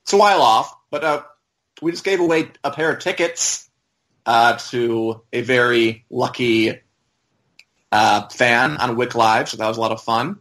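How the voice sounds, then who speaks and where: A man's voice: medium pitch, a little slow, fairly bright tone. A man talking casually as a podcast co-host, in an informal, conversational way. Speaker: website editor and podcast co-host.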